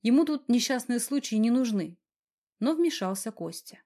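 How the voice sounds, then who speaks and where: A woman narrating a novel in an even storytelling manner. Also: a little high, moderate pace. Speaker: audiobook narrator. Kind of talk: scripted narration.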